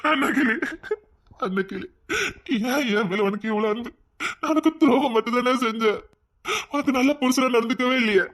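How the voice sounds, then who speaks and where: A woman's voice: a little high, moderate pace, long pauses, lightly acted. A woman with a Tirunelveli Tamil accent playing a remorseful older man pleading with his wife in a family drama skit. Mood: sorrowful. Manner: pleading, sorrowful. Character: remorseful older man, estranged husband and grandfather.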